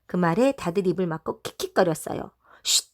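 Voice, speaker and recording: A woman teacher reading a children's storybook aloud, with a lively, expressive telling. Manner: lively, voices the mothers with quick pitch jumps.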